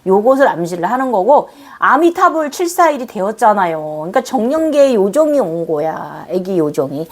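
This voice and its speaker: A woman recounts a dream to her viewers in easy, chatty talk. Her pitch swings up and down freely as she exclaims and coos, and she keeps repeating phrases while she explains. Her voice sits at an ordinary middle height. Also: normal speed, hardly any pauses. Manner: animated and exclamatory, cooing fondly. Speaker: spiritual channel host. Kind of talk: casual spoken account of a dream to viewers.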